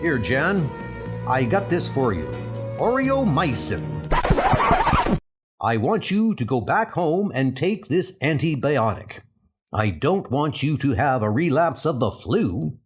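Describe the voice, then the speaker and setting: A man playing a brisk, bossy scientist superhero, earnest and a little patronizing, in a comic dub. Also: mid-range voice, big pitch swings, faint music behind. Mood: practical. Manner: earnest, commanding.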